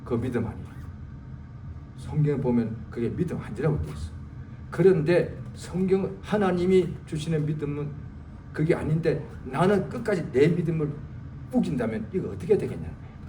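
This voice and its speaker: A male pastor delivers a sermon with a high, animated voice that leaps between shouted exclamations and hushed muttering. He is recorded from a distance in an echoey church sanctuary, with a faint hum of room noise. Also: normal speed, pauses often. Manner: dramatic, swings from loud exclamation to low muttering.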